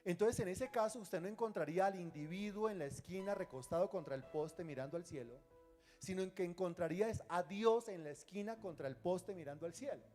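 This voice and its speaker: A man preaching, his voice high for a man. He teases and keeps asking the congregation questions, with soft music underneath. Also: brisk. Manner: lively, teasing, asks the congregation questions. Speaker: pastor. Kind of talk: sermon.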